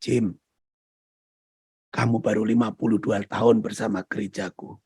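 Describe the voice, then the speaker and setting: A preacher voicing Jesus as a gentle, patient divine man, speaking softly and in a hushed tone. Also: fairly low pitch, level tone, creaky, slightly rough, no room sound, clean studio sound, pitched below the performer's own voice, heavily acted. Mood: tender. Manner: soft, hushed, slow.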